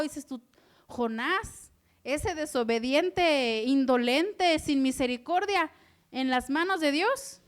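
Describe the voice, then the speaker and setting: A woman delivers an animated sermon in a high voice. She keeps turning to her listeners with questions and lively asides. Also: smooth. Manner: animated, asks the audience questions. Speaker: preacher.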